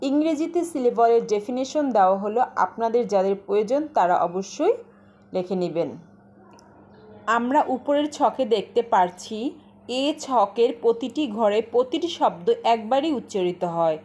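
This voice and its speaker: A woman teaching a short lesson in a patient, measured voice-over, explaining terms step by step. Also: medium pitch, a little mellow.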